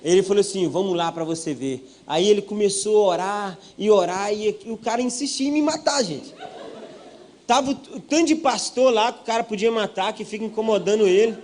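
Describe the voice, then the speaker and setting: Telling his own life story from the pulpit, a young Brazilian pastor mixes in jokes and acted-out quotes for a humorous testimony sermon. He talks briskly in a high-sitting voice with a darkish tone.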